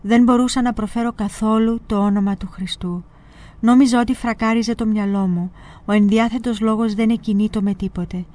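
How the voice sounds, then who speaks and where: A woman presenter reading a spiritual memoir aloud in a measured, expressive way. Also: a little high.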